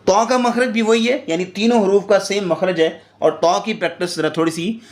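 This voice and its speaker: High-voiced man drilling recitation syllables. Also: steady tone, roomy sound. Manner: slow, deliberate syllable drilling with repetition. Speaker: Quran recitation teacher. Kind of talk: tajweed lesson with drilled syllables.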